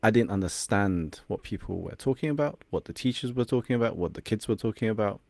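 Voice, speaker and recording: A young man from England, a native Cantonese speaker working as a confidence coach, talks fast in a lowish voice with vocal fry and a darkish tone, recorded without echo. As a podcast guest he speaks reflectively, now and then searching for words.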